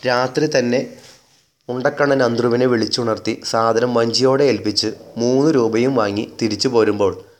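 Measured, wry male storyteller. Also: mid-range voice, steady tone. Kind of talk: dramatic story reading.

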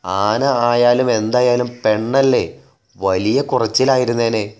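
A sly, bold elephant thief, read by a man in a storybook tale, speaking in a coaxing, conspiratorial way at a steady middle pitch. His tone stays scheming, even when the plan goes wrong. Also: slow, natural voice.

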